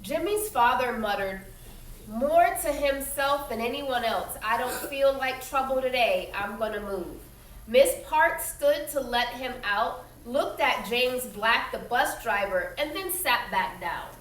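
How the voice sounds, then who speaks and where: Reading a children's picture book aloud the way a teacher would, a woman uses her slightly high voice expressively, stopping to give simple explanations. The sound is noticeably echoey, the mic sits a bit far away, and there's faint noise behind her.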